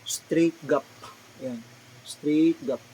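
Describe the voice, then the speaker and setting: A Filipino shopkeeper selling clothing goes through his stock item by item in a casual showcase vlog, politely and slowly repeating the brand names and sizes. He has a warm tone and a voice that's a little high. The recording is low quality, with slight background noise.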